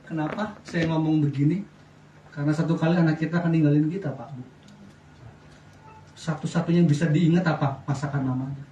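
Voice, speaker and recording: High-voiced middle-aged preacher in echoey church. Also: male voice, a little fast, pauses often, dull audio, slight background noise. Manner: lively preaching with wide swings in loudness, asks the congregation questions. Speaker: pastor. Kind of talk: sermon. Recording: echoey church sound from a distance.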